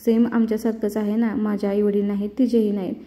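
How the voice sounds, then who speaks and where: A woman's voice: medium pitch, little pitch movement, fast talker, dark tone, natural voice. A woman voicing a worried young man who anxiously pleads with his fiancée, heard with long reverb.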